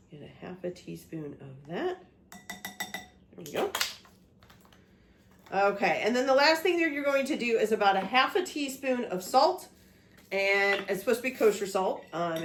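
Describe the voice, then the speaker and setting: In an echoey home kitchen, a woman with a mid-range voice hosts a casual cooking video, explaining each step and asking "okay?" as she goes. A cold she's recovering from leaves her voice a bit off, and there's a little hiss or hum.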